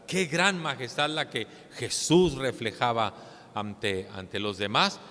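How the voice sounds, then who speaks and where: Bright-voiced Mexican pastor preaching. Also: male voice, medium pitch, takes it slowly, big-room sound. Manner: expressive preaching, swings between loud and hushed. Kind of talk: sermon.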